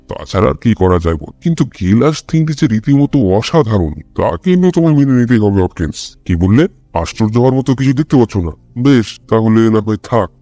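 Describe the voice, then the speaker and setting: A man acting out a sharp, restless detective in a storybook audio drama, probing and lecturing in a measured way. The voice sits low and mellow. It sounds close and dry. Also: no room sound, natural voice. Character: sharp, restless male detective, middle-aged.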